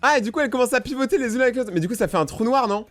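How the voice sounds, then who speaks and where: A young man joking his way through casual reaction commentary, excitable and hopping from one topic to the next. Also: extremely high pitch, rapid-fire, faint music behind. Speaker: YouTuber reacting to videos.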